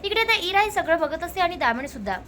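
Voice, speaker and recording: A woman narrating a recap of a television serial episode, telling the story lively and quoting the characters' lines one after another. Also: extremely high pitch, quick pace, slight background noise.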